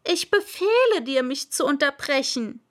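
A woman's voice: high-pitched, very animated, a little slow, voice pushed up. A woman voicing a proud, stern but kindly old king in a storybook reading, with pompous, commanding declarations.

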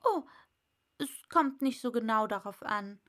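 A timid, well-mannered little girl from a storybook, played by a woman reader. Her lines sit higher and lighter than the narration, polite and a little plaintive. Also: lively intonation, slow pace, bright, forceful tone, full character voice.

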